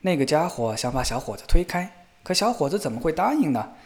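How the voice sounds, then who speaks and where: Casual guy reading a fairy tale, lively and expressive, higher-ish voice. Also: a little fast. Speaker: storyteller. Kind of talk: scripted fairy-tale narration.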